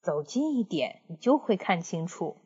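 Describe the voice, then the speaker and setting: A woman voicing a calm, cunning old male horse who speaks low and pleads. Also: normal speed, husky, muffled recording, heavily acted. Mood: calmly cunning.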